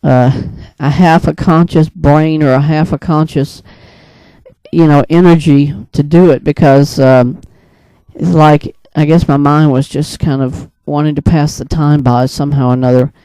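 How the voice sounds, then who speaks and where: Recounting a dream without a script, a man who makes videos and tells stories speaks in a smooth, mellow, steady voice that sits a little high. His telling is rambling and hesitant, breaking off mid-thought and restarting. The audio is close and dry with no echo, but poor.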